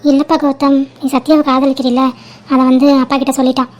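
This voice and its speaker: A woman plays a protective middle-aged cartoon mother who pleads with her husband and defends her son. She talks high and fast. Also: level tone, darkish tone, lightly acted. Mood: pleading. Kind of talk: cartoon family drama voicing.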